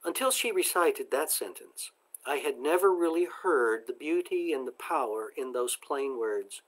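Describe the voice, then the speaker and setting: Slow, measured male book presenter. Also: mid-range voice, animated. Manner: slow, deliberate, measured delivery. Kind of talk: book talk with read-aloud passages.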